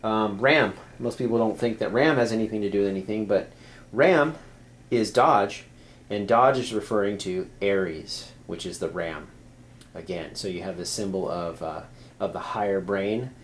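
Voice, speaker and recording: A man with a somewhat low voice talks casually to his viewers, pausing often and restarting his sentences. A faint hiss of noise sits under the recording. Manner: hesitant, many fillers and restarts. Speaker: video creator explaining symbols. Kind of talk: casual explanatory monologue.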